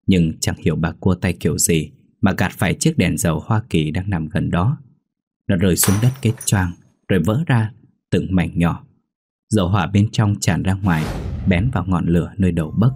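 A man narrating a ghost story in a steady, measured reading voice. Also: low voice, breathy edge.

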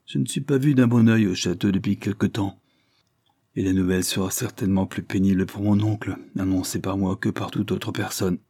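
A man voicing a distraught, nervous young gentleman in a Victorian audiobook, speaking anxiously with excited outbursts. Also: low voice, fairly quick, no room sound, clean studio sound. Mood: agitated.

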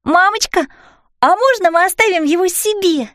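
A woman's voice: very high-pitched, moderate pace, no echo, studio quality, pitched above the performer's own voice. A woman doing an eager seven-year-old girl. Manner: bright pleading exclamations.

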